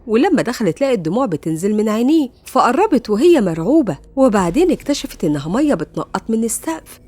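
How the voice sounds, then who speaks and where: A woman with an Egyptian Arabic accent telling a film's story as a fast recap narrator. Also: medium pitch, a little mellow, husky.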